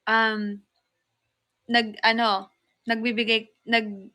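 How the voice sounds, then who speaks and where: A woman hosting a casual live stream, chatty and animated, greeting viewers as she tells a story and calling them "mahal". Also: fairly high pitch, very slow. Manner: chatty, mixes English and Tagalog, calls viewers "mahal".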